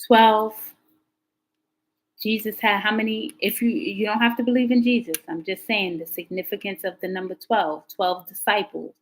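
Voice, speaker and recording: Chatting at normal speed with her viewers, a tarot live-streamer tells rambling stories, her voice jumping higher when she gets excited. The audio quality is poor.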